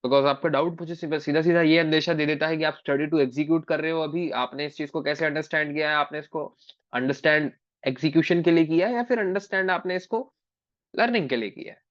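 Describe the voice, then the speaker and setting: A man with a fairly high voice leads a live trading class over an online call. He explains step by step and repeats his key phrases for emphasis. The audio is dry and slightly muffled. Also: a little fast, a bit bright, no room sound. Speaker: trading mentor.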